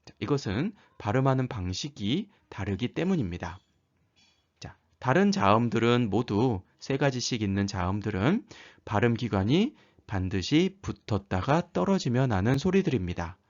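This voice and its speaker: A man's voice: medium pitch, very animated, normal speed, dull audio. A man teaching a grammar lesson, patiently explaining and drawing out example sounds one at a time. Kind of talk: grammar lecture.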